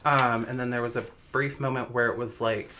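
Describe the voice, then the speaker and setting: A speaker with a medium-pitched voice describes impressions in a casual, halting way, searching for words. There is noticeable noise and room ambience around the voice. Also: flat delivery, pushed and bright. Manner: hesitant, searching for words, frequent "like". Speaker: participant in a paranormal session.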